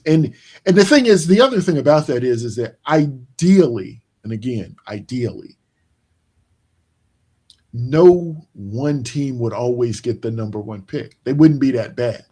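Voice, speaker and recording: A man's voice: mid-range voice, animated, warm tone. A man hosting a casual sports chat, rambling and restarting his sentences as he makes his points. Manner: rambling, many restarts and fillers, slow emphatic points. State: yawning, tired. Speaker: podcast host.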